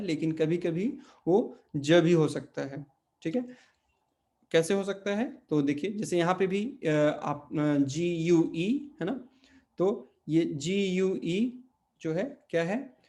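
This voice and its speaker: Slow-speaking male teacher. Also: on the high side, dark tone. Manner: slow, explains step by step, many fillers and check questions. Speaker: Portuguese language teacher. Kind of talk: online language lesson.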